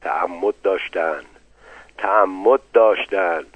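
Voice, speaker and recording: A man's voice: lowish voice, steady tone, dry recording, close to an everyday voice. A man doing a pompous, paranoid old patriarch. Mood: aggrieved. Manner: muffled, drawn-out, grandiose. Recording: narrow phone-like dry recording.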